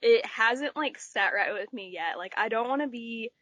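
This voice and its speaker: Animated young woman, dry close sound. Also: a little high, normal speed, no echo. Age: 20s. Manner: animated storyteller, says "like" a lot. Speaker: podcast guest. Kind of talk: casual chat.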